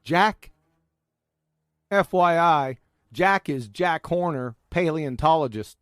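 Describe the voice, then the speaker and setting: A man's voice: fairly high pitch, lively intonation, takes it slowly, a bit bright, dry recording, clean studio sound. A man giving mocking commentary on clips in a smug, sarcastic manner. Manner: smug, sarcastic mockery with name-calling. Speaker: video commentator.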